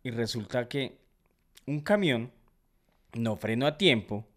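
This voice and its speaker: A man's voice: mid-range voice, lively intonation, takes it slowly. A man with a Bogotá Colombian accent telling a story in a casual chat and giving slangy, friendly advice.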